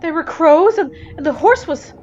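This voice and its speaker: A woman's voice: very high-pitched, expressive, moderate pace, a little mellow, lo-fi sound, a little hiss or hum, pitched above the performer's own voice. A woman voicing Elise, a flustered, defensive young woman in a game, speaking in urgent exclamations. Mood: insistent. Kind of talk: game voice acting.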